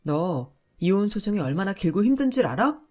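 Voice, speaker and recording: A selfish, defensive husband who brushes off every complaint with a sneer, voiced by a woman reading a radio drama. He argues loudly and looks down on his wife. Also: medium pitch, big pitch swings, a little fast. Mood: angry. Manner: dismissive and sneering.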